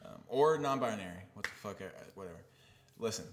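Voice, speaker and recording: A man's voice: on the low side, expressive, fast, slight background noise. A young man co-hosting a casual chat, rambling and self-deprecating, swearing freely. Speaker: podcast co-host.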